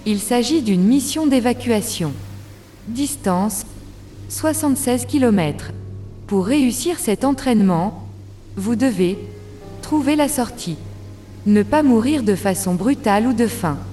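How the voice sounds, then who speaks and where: A woman's voice: on the high side, lively intonation, unhurried, pauses often, warm tone, soft background music. A woman voicing a simulation's artificial intelligence, with a half-robotic synthetic voice that announces rules in a clipped, formal list. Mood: instructive. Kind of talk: audiobook drama voice.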